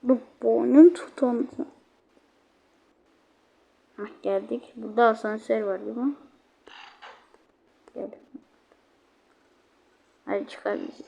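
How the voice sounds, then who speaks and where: A woman talking through her own game play as a let's-play host, chatty and exclaiming, quickly annoyed when the game goes wrong. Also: fairly high pitch, animated, creaky, warm tone, highs cut off. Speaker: gaming channel host.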